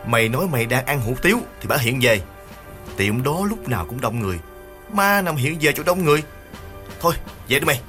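Man doing a gruff scolding older brother. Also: medium pitch, very animated, a little fast, pushed and bright, faint music behind, voice pushed up. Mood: irritated, scolding. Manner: scolding, brusque questions. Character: gruff older brother thief, short-tempered.

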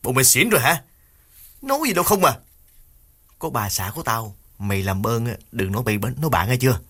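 A man's voice: mid-range voice, animated, fast, a bit bright. A man voicing a short-tempered older brother, scolding his younger sibling in brusque questions. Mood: irritated, scolding.

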